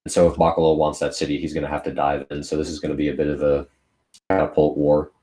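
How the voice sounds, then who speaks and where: A man's voice: extremely low pitch, completely flat delivery, quick pace, mellow, soft background music. A man giving live commentary on a strategy game, laying out what each player is planning. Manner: analytical, lays out what each player plans. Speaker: esports commentator.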